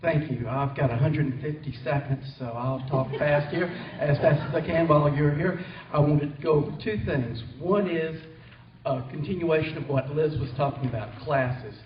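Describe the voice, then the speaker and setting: A man's voice: fairly high pitch, normal speed, a little hiss or hum. A man giving an earnest presentation on technology at a company meeting, with some hesitations. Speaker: technology trainer. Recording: distant, roomy, dull hall recording.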